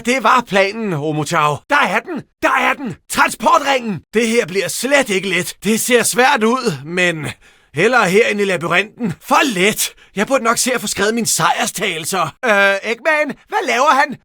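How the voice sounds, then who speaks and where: A very high, bright voice for a young hedgehog hero in a video game. He is cocky, playful and quick with a teasing jab. The delivery is energetic, and the sound is dry and close. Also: dry recording. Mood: wry, determined. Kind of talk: animated video game voice acting.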